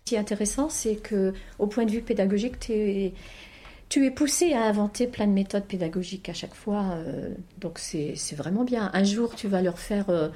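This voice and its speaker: Mellow-voiced woman teacher, informal. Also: medium pitch, moderate pace. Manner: informal, explanatory. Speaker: teacher of French to newcomers. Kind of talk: casual interview answer.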